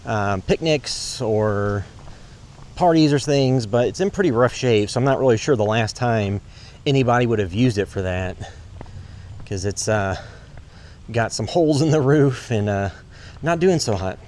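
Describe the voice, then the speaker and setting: Strolling a park for his vlog, this man speaks in an expressive yet slightly mellow mid-range voice at a measured pace. He rambles hesitantly and plainly without a script, and the clearly recorded outdoor ambience includes passing road noise.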